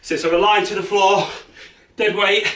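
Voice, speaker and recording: A man's voice: sits high, steady tone, normal speed, noisy background. A man, out of breath, coaching a follow-along home workout with urgent encouragement and countdowns. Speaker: fitness instructor. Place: small space at home. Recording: echoey room, far from mic.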